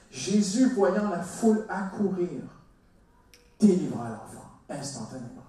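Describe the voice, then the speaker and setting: A man preaching a sermon to a congregation, talking to them directly and acting out the words he quotes. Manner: animated, dramatizes quotes with big pitch swings. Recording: echoey hall, mic from a distance.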